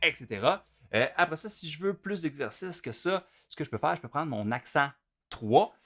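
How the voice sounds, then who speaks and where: A man with a Québécois French accent teaching drums, explaining each step in a relaxed way as he demonstrates at the kit. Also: on the high side, moderate pace, soft background music. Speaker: drum teacher. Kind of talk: explanatory music lesson. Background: loud drum kit playing between phrases.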